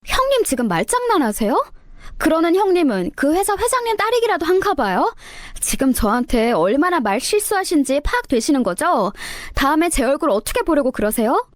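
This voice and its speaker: A woman voicing a sharp-tongued young sister-in-law who is a doctor, speaking in a high, sneering, mocking way. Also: big pitch swings, brisk, no echo, studio quality. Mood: indignant.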